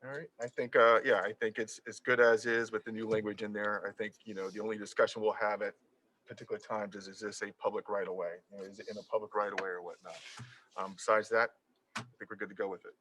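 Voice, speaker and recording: A man chairs a city board meeting in a council chamber, moving the agenda along in a brisk, procedural way with fillers. His voice is low-pitched with a forceful brightness. A faint hiss runs under the recording. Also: little pitch movement.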